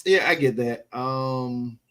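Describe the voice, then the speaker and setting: A man's voice: mid-range voice, takes it slowly, a bit bright, poor audio. A man co-hosting a casual wrestling review show, often restarting and repeating words as he talks. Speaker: podcast co-host.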